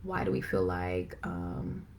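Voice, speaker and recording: A woman hosting a live stream, chatting casually and excitedly with lots of fillers, rambling as she goes. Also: rumbling low, vocal fry, soft background music. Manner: excited, self-described as talking fast. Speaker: host of a live video chat. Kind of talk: casual faith-based chat. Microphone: phone or computer for a live stream.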